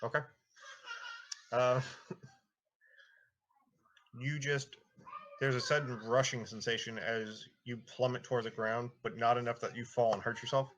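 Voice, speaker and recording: A man's voice: medium pitch, steady tone, a little slow, long pauses, fairly bright tone, low-quality recording. A man improvising narration as game master of a tabletop fantasy game, in a casual, conversational way.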